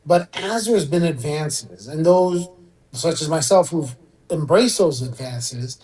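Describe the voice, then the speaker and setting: This low-quality recording captures a middle-aged, Iranian-born surgeon being interviewed on the radio. His pitch is fairly high and his pace slow, and he explains at ease with the occasional filler.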